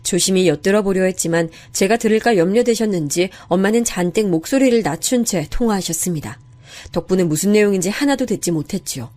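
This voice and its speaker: A woman narrating a dramatic family story in the first person, in a soft, steady storytelling voice. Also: mid-range voice, fast.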